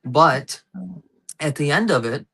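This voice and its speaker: A man in his thirties hosts a casual talk show, his voice bright and forceful. He talks eagerly, drifting into nerdy history tangents full of ums and uhs. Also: on the high side, lively intonation, takes it slowly, husky. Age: 30s. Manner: eager, nerdy history digressions with many fillers. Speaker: host.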